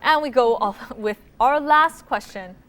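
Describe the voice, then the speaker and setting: A woman's voice: on the high side, unhurried, a bit bright. A woman hosting a quiz show, moving between scripted questions and talk with contestants.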